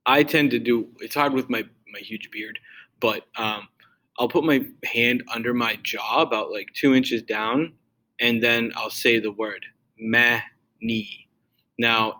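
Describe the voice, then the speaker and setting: A man's voice: fairly low pitch, sharp tone, poor audio. A male teacher giving a casual, conversational tutorial, explaining step by step with fillers. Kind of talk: recorded classroom tutorial.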